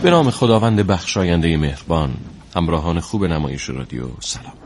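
A man narrating a radio drama in a formal, measured way. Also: deep voice, lively intonation, a little mellow, slight background noise. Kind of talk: scripted narration.

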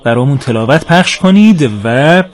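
Man, radio host, formal religious show, calm, reverent, courteous, studio mic. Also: a little high.

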